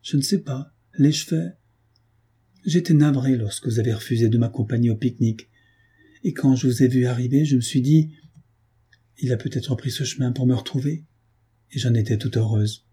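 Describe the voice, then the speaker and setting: Give me a gentle, tearful young woman, a man doing her in a dark, husky tone, in an audiobook. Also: mid-range voice, moderate pace, pauses often. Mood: tender. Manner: soft, trembling, tearful. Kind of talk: audiobook reading.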